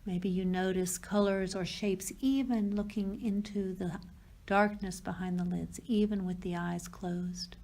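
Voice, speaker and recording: Leading yoga nidra, this woman teacher speaks in calm, slow phrases and leaves pauses between them. Her voice is mid-range, with a steady, darkish tone.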